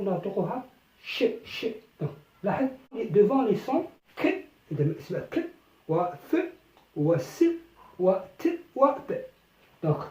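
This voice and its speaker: Mellow teacher voice with a lively pitch. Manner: slow, deliberate, repeats each example several times. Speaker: French language teacher. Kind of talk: explanatory lesson. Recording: dull, echoey room, voice from a distance.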